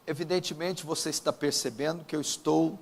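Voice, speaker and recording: A man with a Brazilian Portuguese accent, a pastor praying and preaching at a church service, solemn and emphatic with drawn-out pauses. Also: on the high side, fairly even intonation, vocal fry, big-room sound. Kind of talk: sermon with opening prayer.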